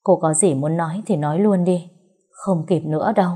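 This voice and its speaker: A woman's voice: lowish voice, normal speed, mellow, slightly rough. A woman voicing a desperate young man, a healer who has run out of hope, in a storybook reading. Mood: grim. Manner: desperate, blunt.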